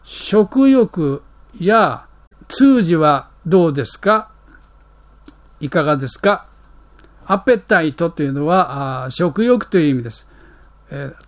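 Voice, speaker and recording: A man teaching English, reading out short dialogue lines and explaining them with fillers. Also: fairly high pitch. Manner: reads English lines slowly, then explains quickly with fillers.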